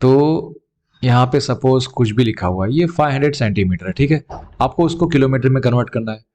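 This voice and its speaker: A man's voice: medium pitch, expressive, brisk, darkish tone. A man with an Indian English accent teaching a children's math lesson, calling his students "beta" and asking questions he then answers himself.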